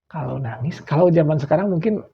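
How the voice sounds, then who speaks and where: A man's voice: a little high, brisk, gravelly. A middle-aged man from West Java with a Sundanese accent, telling an eerie story in a casual chat, acting out what people said and sometimes dropping to a near whisper. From West Java, Indonesia. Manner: animated, acts out quotes, drops to near whispers. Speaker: guest storyteller. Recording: dull lo-fi sound.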